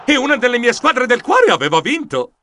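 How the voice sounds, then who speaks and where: A man narrating a children's storybook in a lively, expressive manner. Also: extremely high pitch, a little fast, slight background noise. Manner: expressive, animated. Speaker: audiobook narrator.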